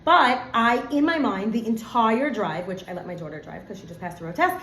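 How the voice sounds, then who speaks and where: Animated New woman teaching Torah. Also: a little high, brisk. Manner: animated, acts out everyday scenes, many fillers of "like". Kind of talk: casual Torah lesson. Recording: echoey room, faint background hum.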